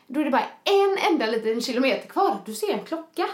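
Woman, high-pitched, roomy echo, casual chat, acts out her own thoughts, swears freely. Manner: animated storyteller who acts out her own past thoughts.

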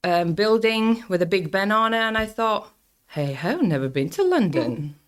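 A woman from Latvia, a Latvian native speaker, telling her life story as an interview guest, jumping up in pitch when she quotes herself. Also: normal speed. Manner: animated storyteller, lively pitch swings when quoting herself. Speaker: guest, antiques dealer.

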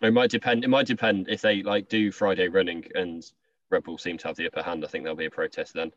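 A man with a very low voice rambles through a casual chat with jokes and fillers. He sounds set back from the mic, and the audio is dry and dull. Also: steady tone, fast talker, fairly bright tone, distant mic. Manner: joking, rambling with "like". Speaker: podcast co-host.

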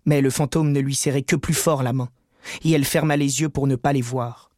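A man reading a classic story aloud in a measured audiobook narration. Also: medium pitch, fairly even intonation, darkish tone, no room sound, studio quality.

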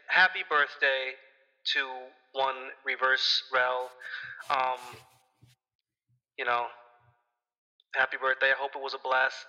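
A man's voice comes through a dull payphone line with a long, roomy echo. His tone is very bright and pitched a little high, and he tells stories in a chatty way, laughing between them. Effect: calling in over a prison payphone line. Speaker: caller. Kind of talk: casual birthday toast.

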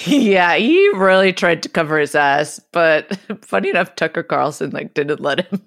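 A woman's voice: on the low side, animated, a little slow, vocal fry, fairly bright tone, dry recording, studio quality. A woman co-hosting a podcast, chatting casually with wry asides and easy laughter. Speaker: podcast co-host.

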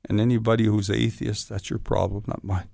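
A man's voice: fairly low pitch, fairly quick, gravelly, no room sound. A man, an actor and stuntman, telling stories in a casual interview and acting out the voices of the people in them. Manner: animated storyteller acting out quoted voices.

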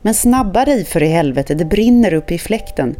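A panicked grandfather in a house fire snaps curt, swearing orders, as a podcaster reading a novel voices him. The tone is dark and mellow. It is read aloud from a storybook. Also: mid-range voice, lively intonation, soft background music, close to an everyday voice. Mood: frantic.

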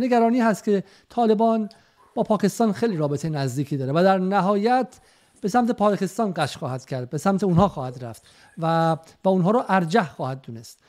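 High-voiced male interviewer. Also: darkish tone. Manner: direct, insistent questioning. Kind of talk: interview questioning.

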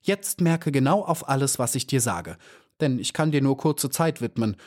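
A man's voice: medium pitch, animated, normal speed, voice pushed up, lightly acted. A man voicing a stern, fussy old female bee who lectures and sighs, in a storybook reading. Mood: lecturing. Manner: scolding, sighing, lecturing.

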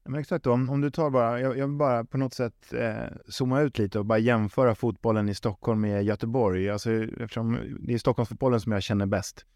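This man, a sporting executive at a football club, responds to interview questions conversationally, with few pauses, reworking and repeating words as he thinks. His medium-pitched voice has fairly even intonation and a darkish tone, in a clean studio recording with no echo.

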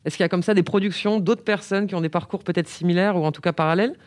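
A woman hosting a podcast talks fast in a mid-pitched voice. She is lively and casual, with frequent praise for her guests. The sound is dry and close to the mic. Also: no echo. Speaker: podcast host.

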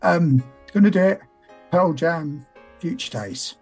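A man with a croaky voice, close to tears, talking haltingly and personally about music that matters to him. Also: on the high side, lively intonation, darkish tone. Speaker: guest sharing favourite songs.

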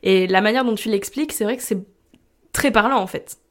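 A woman hosting a casual podcast interview, friendly and quick to laugh. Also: medium pitch, a bit bright. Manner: friendly, laughs easily, quick back-channel replies. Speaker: podcast host.

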